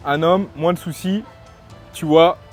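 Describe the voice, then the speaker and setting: A man from France, a lifestyle and dating coach, giving casual opinions in a vlog, halting, with lots of fillers and restarts. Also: on the high side, fairly even intonation, darkish tone, soft background music.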